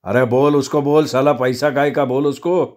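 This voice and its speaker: A man's voice: medium pitch, steady tone, a little mellow, natural voice. A man voicing a swaggering young street tough who orders people about in slangy talk. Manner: slow, cocky, slangy bossing.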